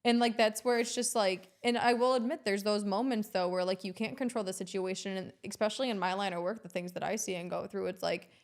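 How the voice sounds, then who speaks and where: A woman's voice: medium pitch, fairly even intonation, fairly quick, hardly any pauses. A woman co-hosting a podcast, speaking in an emphatic, supportive way as she talks things through in a candid conversation. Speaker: podcast co-host.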